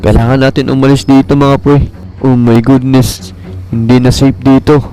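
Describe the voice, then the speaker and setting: A young man with a Filipino accent commentates a game in a casual, excitable way, often calling out to his viewers. His voice sits at a middle pitch with a warm, mellow colour. Faint music plays behind him. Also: moderate pace. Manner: excitable, talks to viewers as "mga pre". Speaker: gaming streamer.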